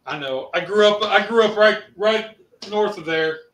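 A man's voice: high-pitched, moderate pace, background noise. A man from Ohio co-hosting a casual livestream, chatting and reading out viewer comments with lots of fillers. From Ohio, USA. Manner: chatty, hesitant, many fillers. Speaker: co-host reading viewer chat. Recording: roomy, mic at a distance.

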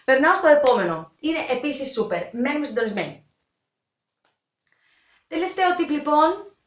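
A woman's voice: sits high, sing-song, echoey room, slight background noise. A woman from Greece, an English teacher hosting a casual video lesson, talking straight to her viewers in a chatty, direct way. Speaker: English teacher and channel host.

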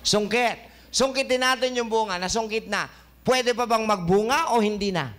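A man hosting a health talk show as a doctor, giving a lively lecture in a studio, joking and quizzing his listeners with questions. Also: high voice, normal speed, slight background noise.

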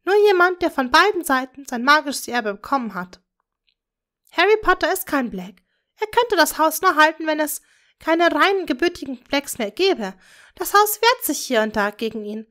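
A scheming, proud aristocratic witch speaks with possessive intensity, as a woman reader puts her on. Her voice sits higher and stronger than plain storybook narration, dark and conspiratorial in tone. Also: very animated, moderate pace.

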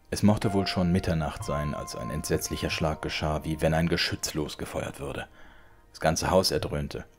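A man reading a classic tale aloud as an audiobook, in a measured, dramatic way. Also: rumbling low. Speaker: audiobook reader. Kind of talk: scripted literary narration.

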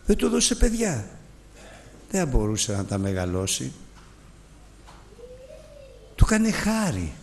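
A man preaching a sermon with great passion, swinging between loud emphatic lines and low hushed ones. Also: huge pitch swings, creaky, long pauses, big-room sound, a little hiss or hum.

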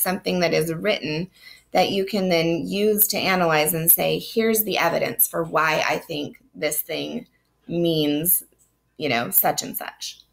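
A woman teaching literature in a recorded online lecture. She is sick and losing her voice, so it sounds strained, and she explains steadily with frequent ums. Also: fairly low pitch. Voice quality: gravelly, strained voice. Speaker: literature instructor.

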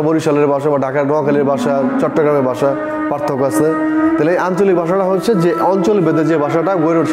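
A male teacher, giving an explanatory classroom lecture. He repeats his points and asks the class rhetorical questions. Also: a little high. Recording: echoey room with long reverb.

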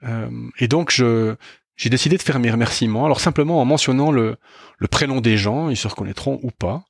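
Gravelly-voiced middle-aged man telling a story. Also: medium pitch, fairly quick, no echo, clean studio sound. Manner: candid and self-critical, with frequent hesitations and restarts. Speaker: podcast host. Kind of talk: reflective storytelling monologue.

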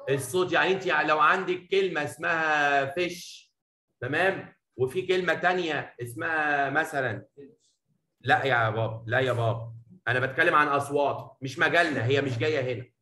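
A man with an Egyptian Arabic accent teaching a poetry lesson in a classroom, talking affectionately to his students and mixing Arabic with slowly read English lines. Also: a little high, sharp tone, echoey room, rough recording. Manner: affectionate, addresses students as "habibi" and "baba"; mixes Arabic explanation with slow English reading.

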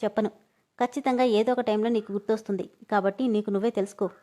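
A woman voicing a loving, teasing young husband who protects his wife, speaking quickly and a little lower than her own voice. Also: fairly even intonation, mellow, lightly acted. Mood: tender.

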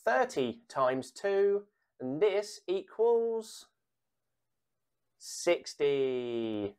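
A woman calling numbers like a bingo caller for children, reading out sums, pausing before each answer and repeating digits. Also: sits low, sing-song, dark tone. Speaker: bingo caller for a children's times tables game.

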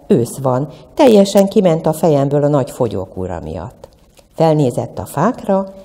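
A woman's voice: low-pitched, dark tone, in a large hall. A woman, a museum educator, telling a children's story expressively. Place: museum room.

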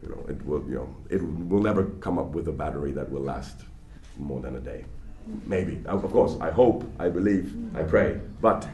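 A man giving a public lecture in an animated, conversational way, often restarting his sentences, in a large lecture hall. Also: extremely low pitch, moderate pace, a little hiss or hum. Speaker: guest lecturer.

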